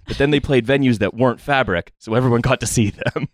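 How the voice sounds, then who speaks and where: A man around thirty hosting a casual roundtable, talking in a wry, rambling, halting way. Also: medium pitch, dry recording. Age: late twenties to early thirties. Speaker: podcast host. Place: small studio, around a table.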